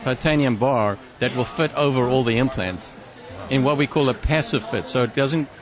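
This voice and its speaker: A man's voice: medium pitch, moderate pace, crowd noise. A man with a South African accent, a prosthodontist guest on a radio interview, explaining things carefully. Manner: explanatory, precise. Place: outdoor expo booth. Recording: dull lo-fi sound, faint street noise.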